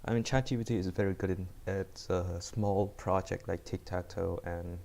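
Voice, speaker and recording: A young Cambodian man, a first-year student, live-streams while coding and chats with his viewers, rambling and often repeating or restarting words. His voice is deep and warm with vocal fry, fairly even intonation, and a moderate pace, and he has a cold.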